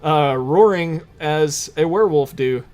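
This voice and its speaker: A man serving as game master, narrating a tabletop game casually in a halting, improvised way. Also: a little high, a little mellow.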